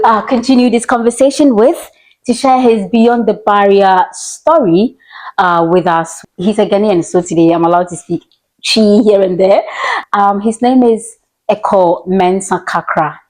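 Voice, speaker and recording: A woman's voice: medium pitch, darkish tone, poor audio. A woman hosting an interview podcast, friendly and conversational, with some fillers. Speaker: host.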